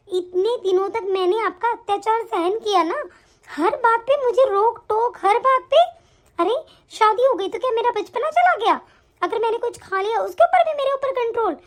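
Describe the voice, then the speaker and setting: Cartoon young wife, very high-pitched, sharp, scolding, defiant. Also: female voice. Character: young daughter-in-law, fed up and defiant. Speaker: voice actor. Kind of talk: animated story dialogue.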